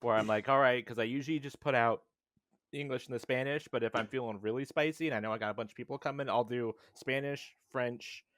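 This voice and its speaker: Man, podcast guest, casual, joking, middle pitch. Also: quick pace, a bit bright, dry recording. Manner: chatty, joking, hedging asides. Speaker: podcast guest, tabletop game demo runner.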